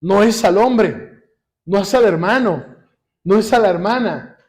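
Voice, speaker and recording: A man preaching a sermon in church, repeatedly asking the congregation questions and reading scripture slowly. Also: high-pitched, lively intonation, a little mellow. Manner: addresses congregation constantly with rhetorical questions; reads scripture slowly and deliberately. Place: church service.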